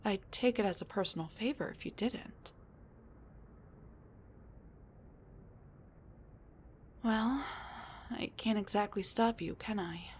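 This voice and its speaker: In a roleplay audio drama, a woman plays a sassy, weary female supervillain, speaking directly to the listener in a casual, wry, halting manner. Her natural voice is medium-pitched, and her mood comes across as wry and guarded. The recording carries a little hiss or hum.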